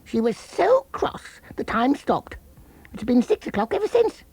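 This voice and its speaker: A man voicing a fussy, muddled, excitable Mad Hatter for a children's storybook, stammering and repeating himself in a husky voice. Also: very high voice, measured pace, dry recording, pitched above the performer's own voice, heavily acted. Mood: flustered, chattering. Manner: stammering, spluttering repetitions. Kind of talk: children's storybook character reading.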